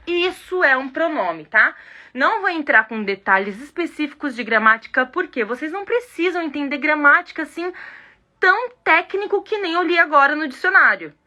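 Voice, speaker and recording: A woman's voice: high voice, bright, forceful tone. A Brazilian woman teaching English in a casual online lesson, playful and chatty, speaking straight to her viewers. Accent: Brazilian Portuguese.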